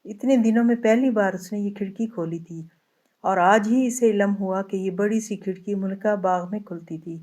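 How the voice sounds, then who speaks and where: Woman audiobook narrator, steady scripted storytelling, dark warm timbre. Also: medium pitch.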